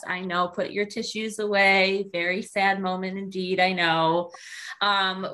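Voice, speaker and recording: A woman with a cold hosts a casual podcast with friends. She rambles, laughs a lot and has a bright, clear tone. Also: medium pitch. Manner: giggly, rambling. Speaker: podcast host.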